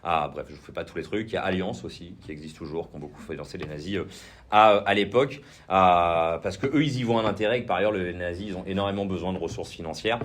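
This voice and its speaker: Deep-voiced hesitant French lecturer. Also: male voice, fast. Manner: hesitant, many fillers and restarts. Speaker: political trainer. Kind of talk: informal political lecture. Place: indoor training session room.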